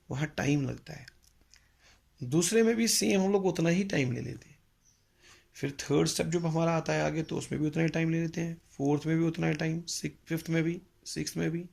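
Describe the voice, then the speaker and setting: A man teaching a music lesson, explaining slowly and patiently with pauses and mixing in English phrases. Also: fairly high pitch, vocal fry, a little mellow. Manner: mixes English phrases into Hindi. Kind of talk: spoken lecture.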